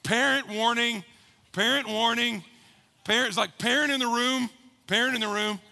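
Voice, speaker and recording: High gravelly pastor with church reverb. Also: male voice, fairly even intonation, moderate pace, pushed and bright. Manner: playful, joking with the congregation. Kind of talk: sermon. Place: church sanctuary. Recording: long hall reverb.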